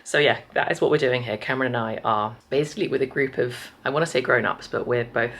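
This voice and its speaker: A woman's voice: rumbling low, fast, a bit bright. A woman of about thirty chatting casually to camera in a vlog, rambling and friendly with light laughs. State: a bit out of breath. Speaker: vlogger. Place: a house indoors.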